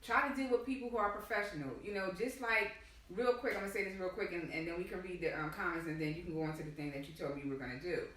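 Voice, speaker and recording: A woman's voice: fairly low pitch, fast talker, fairly bright tone, heavy reverb, far from the mic, a little hiss or hum, low-quality recording. A woman co-hosting a casual live-stream chat, talkative and calling her listeners y'all. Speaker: co-host.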